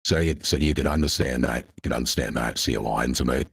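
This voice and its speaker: A man's voice pushed extremely low by a deep pitch-shifting voice changer, with a husky grain. He talks on a call like a pompous, threatening self-styled lawyer, circling back over the same points. The sound is close and dry. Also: fast, dry recording. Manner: pompous, threatening, repeats himself. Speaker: caller posing as a lawyer. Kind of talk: call on a voice chat.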